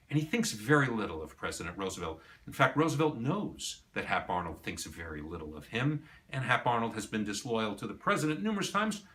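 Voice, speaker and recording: A man's voice: on the low side, bright, forceful tone. A middle-aged man telling a story to a visitor about an item in his collection, acting out the quoted dialogue. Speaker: collector showing his library.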